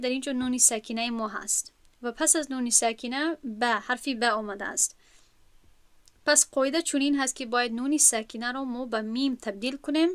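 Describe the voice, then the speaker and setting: A woman's voice: fairly high pitch, dry recording. A woman with a Tajik accent, teaching an online lesson on recitation rules and drawing out example words with care. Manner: slow, careful, drawn-out demonstration of words.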